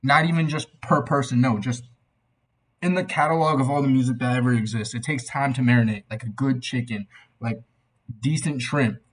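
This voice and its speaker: A young man with a husky voice talks through music like an amateur reviewer. He sounds tipsy, loose and meandering, with a casual, off-the-cuff delivery at an ordinary male pitch. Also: normal speed, low-quality recording. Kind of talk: casual rambling album reaction.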